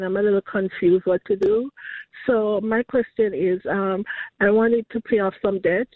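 A woman's voice: on the low side, no room sound. An older woman calling in with a money question, speaking hesitantly and restarting her sentences often. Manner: hesitant, halting with many restarts. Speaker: caller. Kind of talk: call-in question. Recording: tinny phone line.

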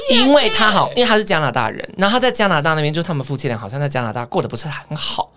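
A woman's voice: low-pitched, rapid-fire. A young woman with a Taiwanese Mandarin accent, co-hosting a podcast and telling a story with lots of energy. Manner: animated storytelling. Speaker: podcast co-host. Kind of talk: casual chat.

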